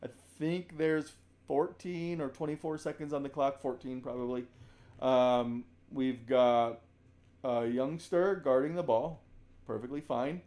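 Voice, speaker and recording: A basketball coach breaks down game film in a conversational way, frequently restarting sentences and occasionally shouting out example calls. He speaks a little slowly, with a medium pitch and fairly even intonation.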